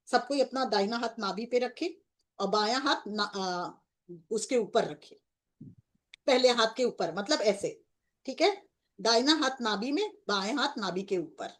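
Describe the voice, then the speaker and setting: A woman guides a group through meditation, her speech devotional and unhurried. Her voice sits a little high, and she slips English words in among her phrases. She lingers on each instruction. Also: fairly bright tone.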